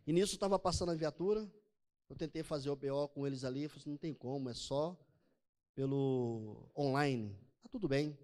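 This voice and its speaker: A male pastor, giving a sermon with a personal testimony, slow and emphatic, then soft as he tells the story. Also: on the high side.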